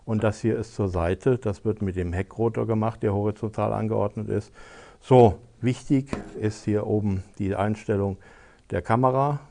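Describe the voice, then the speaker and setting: A man's voice: on the low side, steady tone, normal speed, vocal fry, mellow. A man hosting a tech advice show, casually demonstrating a gadget step by step with frequent hesitation fillers.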